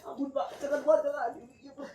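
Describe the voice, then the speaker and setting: A man's voice: extremely high pitch, slow, recorded from a distance, a little hiss or hum. A man playing a whimpering thief begging for mercy. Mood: pleading. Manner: pleading, whimpering. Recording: roomy echo with faint music.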